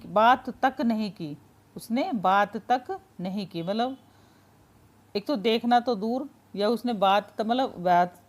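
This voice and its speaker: A woman with a fairly high voice teaches a grammar lesson in a relaxed, informal way. She explains patiently, gives many everyday example sentences, and keeps checking in with her students.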